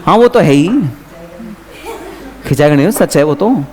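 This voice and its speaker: Guy teaching a revision class, lively and chatty, kinda high-pitched. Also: a little slow. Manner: lively, chatty, addresses students by name, mixes English terms. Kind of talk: exam revision lecture to students.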